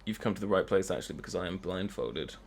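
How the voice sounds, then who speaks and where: A man's voice: sits low, expressive, quick pace, vocal fry. A young man hosting a let's play, giving casual, rambling commentary with dry jokes. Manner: dry joking, rambling asides.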